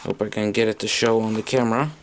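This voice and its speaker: In a quick-paced, fairly low voice with fairly even intonation, a hobbyist walks through vintage audio gear in an unscripted demo, hesitating a little as he goes. The noisy amateur camera recording includes clicks.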